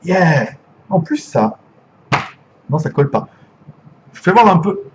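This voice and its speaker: Excitable French man, lively high voice, casual live unboxing, slightly muffled sound. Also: slow pace, noisy background. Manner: excitable, chatty, jokey, swears casually. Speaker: gadget reviewer.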